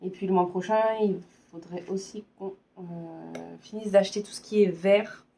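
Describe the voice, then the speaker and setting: A hoarse woman from France chats casually to her viewers in a slightly low voice, her throat sore. She hesitates often and fills her pauses with ums. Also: fairly even intonation, warm tone. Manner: hesitant, many fillers. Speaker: vlogger. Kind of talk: casual chat.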